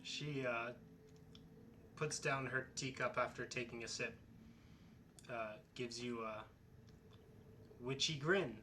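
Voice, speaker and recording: Slow-talking man running a tabletop game. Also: medium pitch, bright, forceful tone, slight background noise. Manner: halting, slow narration with fillers. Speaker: dungeon master.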